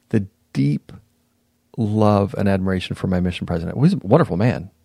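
A man in his fifties, a podcast guest, reflectively recounting his past in a casual interview, pausing and restarting sentences. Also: fairly low pitch, vocal fry, mellow, dry recording, studio quality. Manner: reflective, unhurried, often pauses and restarts mid-sentence.

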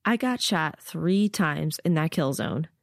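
A woman's voice: low-pitched, expressive, takes it slowly, vocal fry, no echo, studio quality, exaggerated voice. Woman doing a bitter grumbling young recruit. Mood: resentful. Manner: hissing, grumbling.

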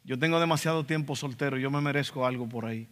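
This pastor, a man from the Dominican Republic with a Dominican accent, has a mid-range, fairly bright voice and a quick pace. He preaches emphatically in a church sanctuary and acts out quotes in asides, and the recording carries the reverb of a church hall.

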